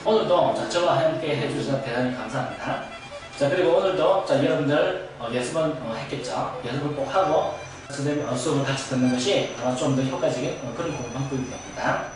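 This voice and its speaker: A man teaching English grammar in a recorded lecture, explaining step by step and filling pauses with short "ja" and "eo" sounds. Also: mid-range voice. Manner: explains step by step with frequent "ja" and "eo" fillers. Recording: very echoey room, distant mic, faint music.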